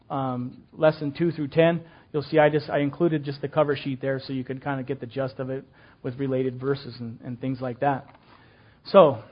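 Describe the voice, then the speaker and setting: A slightly high-voiced older man, captured on a muffled recording, leads a children's ministry class. His style is casual and folksy, peppered with fillers and restarts.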